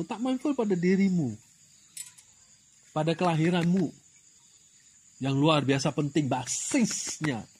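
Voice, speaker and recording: Animated man giving a dharma talk. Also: on the high side, husky. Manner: animated, rhetorical questions, mixes in English words. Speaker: Buddhist dharma teacher.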